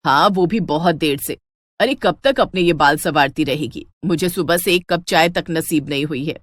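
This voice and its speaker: A woman voicing a proud, jealous middle-aged mother-in-law in a cartoon story, scolding and shrill when angry. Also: normal speed, dry recording, studio quality.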